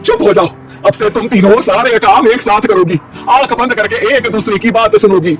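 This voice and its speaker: Man doing a high-pitched bossy old mother-in-law in a cartoon story, loud and complaining, faint music behind. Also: normal speed, recorded from a distance, natural voice. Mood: scolding. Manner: scolding, loud calling out, wailing complaints. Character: grumbling elderly mother-in-law, bossy and dramatic.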